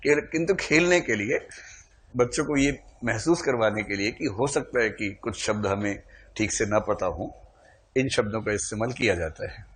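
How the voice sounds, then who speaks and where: A man's voice: lowish voice, normal speed, fairly bright tone. A man teaching a classroom lecture, quizzing his students, calling for shows of hands and teasing them playfully.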